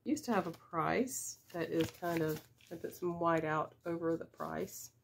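She speaks with a fairly low, gravelly voice at a measured pace, and a little hiss or hum comes through. A woman in her fifties with a stuffy head cold, this reseller vlogger chats casually and unhurriedly while unboxing, with small laughs and fillers. The camera sits at desk distance in a small indoor room with shelves of boxes.

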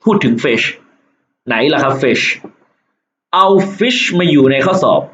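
Man teaching, slow and animated. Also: medium pitch. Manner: reads English slowly, then explains and jokes. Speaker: English teacher going over a national exam. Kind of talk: exam walkthrough lesson. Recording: echoey lo-fi room with faint hiss.

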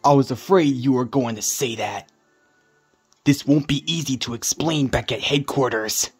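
Woman doing a very low, deadpan male agent. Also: normal speed, slightly rough, soft background music, exaggerated voice. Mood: dry, resigned. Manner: deadpan, terse. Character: gruff, deadpan male government agent, big and unflappable. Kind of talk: amateur cartoon fan dub.

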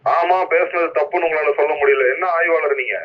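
A man's voice: a little high, steady tone, fairly quick. A man, a senior police officer, giving stern scolding commands over a police walkie-talkie. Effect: heard over a police walkie-talkie. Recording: muffled police radio recording.

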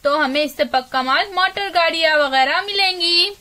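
A woman teacher with an Urdu-speaking Indian accent, reading a school lesson aloud slowly and clearly for young children. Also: extremely high pitch, bright, forceful tone. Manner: slow, clear dictation to children.

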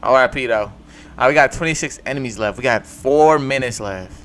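A man's voice: medium pitch, brisk, a bit bright, a little hiss or hum. Young man mumbling slangy game commentary. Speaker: gaming YouTuber. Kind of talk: casual gameplay commentary. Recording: faint music behind.

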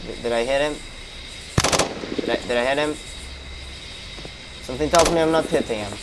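A young gamer streamer talks to himself in casual gameplay commentary, reacting and swearing, with a medium-pitched voice at a moderate pace. The recording is very noisy, with game gunfire and ambience behind him.

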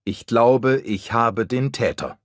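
A man's voice: medium pitch, slow pace, no room sound, studio quality, voice pushed up, lightly acted. A man reading the part of a confident young amateur detective in a storybook. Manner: pleased and confident.

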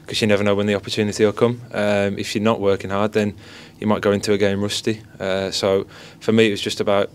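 A man's voice: fairly low pitch, level tone, quick pace, few pauses, slight background noise. A young man in his twenties, a goalkeeper, giving a modest post-match interview into a cluster of handheld mics in an indoor press area. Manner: modest, repeats stock phrases. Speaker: football goalkeeper. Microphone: several handheld mics and phones held close.

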